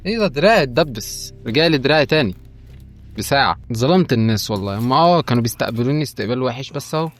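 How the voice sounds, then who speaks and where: A man's voice: mid-range voice, animated. A young man with an Egyptian Arabic accent doing jokey, often panicked horror game commentary. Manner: jokey, rapid-fire, often panicked and pleading. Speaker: gaming YouTuber.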